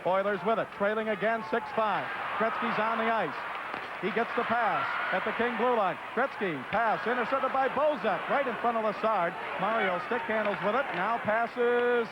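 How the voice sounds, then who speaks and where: A male play-by-play announcer calls live ice hockey in a high-pitched voice. The sound is a muffled old broadcast, full of loud noise from the arena crowd. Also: normal speed. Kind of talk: live sports commentary. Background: noisy hockey arena crowd.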